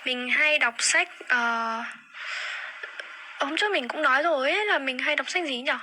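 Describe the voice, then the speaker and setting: A woman's voice: high voice, normal speed, rough recording. Chatty woman livestreaming. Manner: chatty, repeats words while searching for them. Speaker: livestream host. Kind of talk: casual livestream chat. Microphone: phone. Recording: phone livestream with steady background noise.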